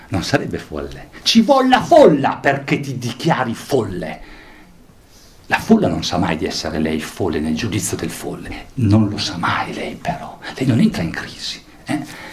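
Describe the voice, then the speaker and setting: A man giving a philosophy lecture, moving between soft, digressive asides full of questioning tags and loud, emphatic reading aloud. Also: lowish voice. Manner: digressive, peppers talk with questioning "eh?".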